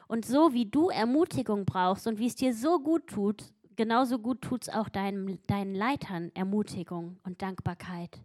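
Preaching a sermon, a woman speaks emphatically in a mid-range, slightly mellow voice at a moderate pace with few pauses. She acts out biblical quotes, her intensity steadily building.

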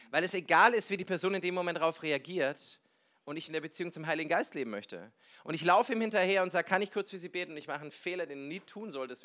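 A male pastor delivers a sermon with a slightly higher-pitched voice. He tells personal anecdotes in a lively, conversational way, acting out the people in his stories and sometimes breaking into loud bursts. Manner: lively storytelling, acting out dialogue with sudden loud outbursts.

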